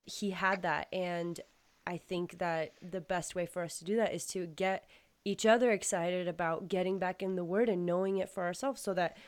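A woman's voice: fairly low pitch, steady tone, moderate pace, clear, resonant tone. A woman hosting a podcast, talking earnestly and with emphasis about faith. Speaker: podcast host. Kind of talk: casual faith chat.

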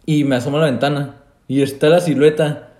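A man's voice: a little high, steady tone, fairly quick, dark tone, echoey room. A young man with a Mexican Spanish accent, animatedly telling a scary story in casual chat, laughing often.

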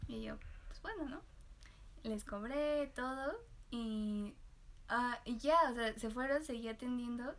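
A woman with a Mexican accent telling a lively anecdote in casual chat, laughing often and using slang. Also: on the high side, measured pace. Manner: animated storyteller, laughs often, uses slang. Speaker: podcast co-host.

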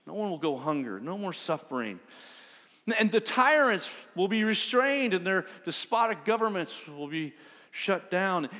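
A man preaching a sermon as pastor, telling a story in a conversational, animated way. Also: high-pitched, in a large hall.

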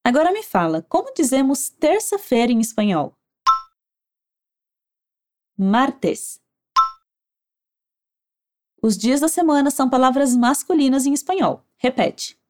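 A woman with a Brazilian Portuguese accent teaching Spanish, giving clear, encouraging instructions and modeling phrases slowly for the listener to repeat. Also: high-pitched, sing-song, a little mellow. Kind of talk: language lesson narration with repeat drills.

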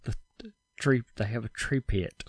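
A man's voice: mid-range voice, normal speed, slightly rough, no echo, studio quality. A man hosting a podcast, chatting loosely and joking about himself. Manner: loose, joking, self-deprecating, laughs often. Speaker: podcast host. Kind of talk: casual chat.

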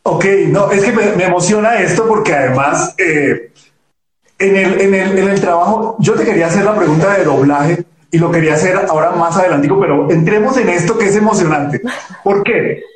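Man, interview host, producer, enthusiastic, rambling, high voice, echoey room. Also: brisk. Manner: enthusiastic, rambling, repeats himself. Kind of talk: casual interview talk.

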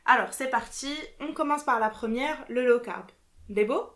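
Woman, podcast host, upbeat, fairly high voice. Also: normal speed, fairly bright tone. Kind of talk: casual podcast presentation.

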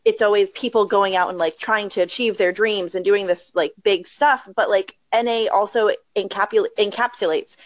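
A woman's voice: medium pitch, fairly even intonation, moderate pace, hardly any pauses, no room sound, low-quality recording. Rambling young woman, dry close sound. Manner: rambling, filler-heavy, passionate. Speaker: podcast co-host. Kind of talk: casual chat.

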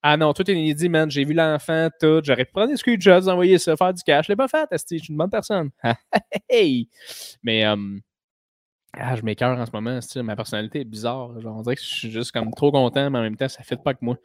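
A man's voice: medium pitch, brisk, no echo, studio quality. Joking Québécois man hosting a podcast. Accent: Québécois French. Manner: joking, animated, swears freely. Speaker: podcast host. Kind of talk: casual podcast monologue. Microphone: close podcast mic.

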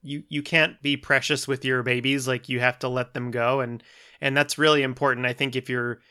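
A man in casual podcast chat with a bright, crisp voice. He rambles along with plenty of fillers and false starts. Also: medium pitch, flat delivery, brisk. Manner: rambling, many restarts and fillers.

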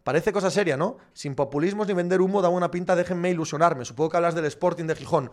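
A man's voice: fairly high pitch, fast. A man hosting a casual show, reading out viewer questions and answering them bluntly and sardonically. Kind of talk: casual chat.

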